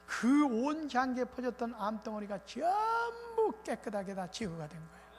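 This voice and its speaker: A male pastor preaching a revival sermon in an animated, colloquial storytelling way. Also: extremely high pitch, moderate pace, faint music behind. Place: church sanctuary. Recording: reverberant church hall with faint noise.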